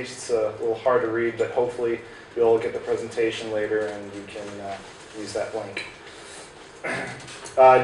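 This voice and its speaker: A middle-aged American man, a native English speaker with a mid-range voice, gives a casual tech talk to a small group as a guest speaker at a hackerspace. He's chatty, with lots of "uh" fillers and restarts, in a small projector room. The recording sounds roomy and distant, with faint hiss.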